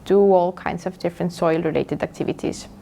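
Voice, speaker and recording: A woman's voice: fairly low pitch, flat delivery, a little fast, vocal fry, dark tone, a little hiss or hum. A woman from Estonia, a native Estonian speaker, introducing herself as a guest speaker in a hesitant way with many fillers. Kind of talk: casual lecture introduction.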